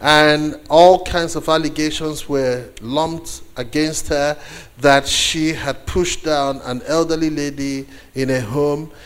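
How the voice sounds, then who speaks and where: A guest preacher from eastern Nigeria addresses the congregation in a slightly high voice. He is a native Igbo speaker with a Nigerian accent, and his sermon is delivered deliberately, full of pauses and phrases repeated for emphasis.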